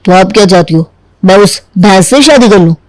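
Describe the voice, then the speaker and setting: A stubborn chubby young man from a cartoon, whining and arguing over every point. His voice sits high for a man and sounds dry and close, with no room around it. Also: expressive, normal speed, darkish tone, no room sound, rough recording. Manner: whiny, argumentative. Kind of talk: Hindi cartoon dubbing.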